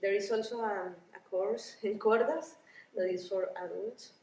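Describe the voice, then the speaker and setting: A woman from Rica, a Spanish speaker, answering interview questions in a halting way with many restarts and small laughs. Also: medium pitch, steady tone, dark tone, a little hiss or hum. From Costa Rica. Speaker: violinist and ethnomusicology researcher. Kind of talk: conference interview. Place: busy conference venue. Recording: roomy, distant, with busy crowd murmur.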